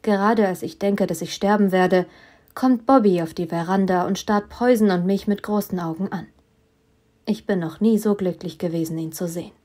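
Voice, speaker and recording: A woman reads a first-person novel aloud as an audiobook. Her tone is mellow and warm, and her storytelling stays steady and measured. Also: medium pitch. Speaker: audiobook reader.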